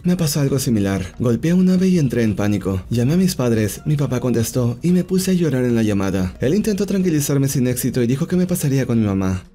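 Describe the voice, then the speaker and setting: A man narrating online stories in a scripted, animated way, slipping into the voices of the people he quotes. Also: mid-range voice, quick pace, hardly any pauses, faint music behind. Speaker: storyteller, channel host.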